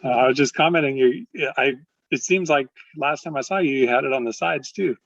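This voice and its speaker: Husky man greeting members on a video call. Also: medium pitch, a little fast, fairly bright tone, no echo. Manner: chatty, greets members by name, laughs often. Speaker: club president hosting a video meeting. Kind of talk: casual chat. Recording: dull lo-fi video call audio.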